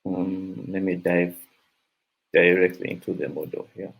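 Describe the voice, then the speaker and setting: A man giving a technical conference talk, halting, with many fillers and restarts. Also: sits low, flat delivery, gravelly, low-quality recording. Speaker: conference speaker.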